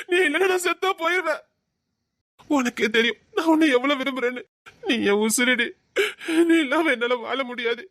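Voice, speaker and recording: A woman's voice: high voice, fairly bright tone, no room sound, clean studio sound. A woman voicing a desperate young man in love who pleads and threatens in an audio drama. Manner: pleading, repeats her name, emotional threats. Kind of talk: Tamil audio drama acting.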